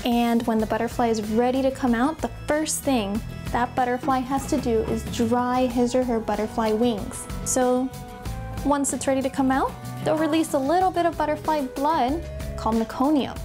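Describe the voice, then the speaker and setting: A woman's voice: sits high, fairly even intonation, moderate pace, music in the background. A woman in her twenties guiding young children as an educator, in a kids show host manner with simple questions and call-outs. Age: 20s. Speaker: butterfly expert and field trip guide. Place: lab room and outdoor butterfly garden.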